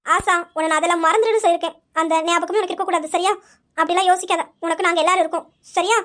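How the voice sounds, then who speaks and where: A woman's voice: very high voice, steady tone, fairly bright tone. A woman voicing a caring daughter-in-law in a large family, soothing and persuading the others. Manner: brisk, reassuring, persuasive.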